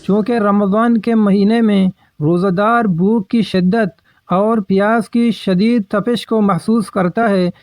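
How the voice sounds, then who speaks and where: Male religious teacher, high-pitched, dry recording, measured and explanatory delivery. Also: steady tone, a little mellow, no room sound.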